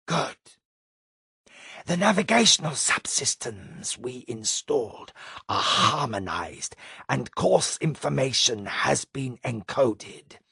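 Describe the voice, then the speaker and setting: A man putting on a rough, papery alien envoy. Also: mid-range voice, big pitch swings, pushed and bright, no room sound, clean studio sound, exaggerated voice. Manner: slow, formal, measured. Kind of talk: audiobook character voice.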